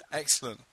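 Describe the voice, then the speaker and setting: A man's voice: medium pitch, bright, forceful tone, slightly rough, no echo. A man hosting a podcast, chatting eagerly and laughing easily, often stumbling over how his sentences start. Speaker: podcast host. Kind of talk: casual chat.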